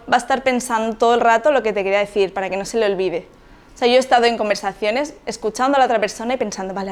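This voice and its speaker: A woman giving an informal training talk, casual and chatty, with many fillers and tag questions. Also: on the high side. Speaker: activism trainer.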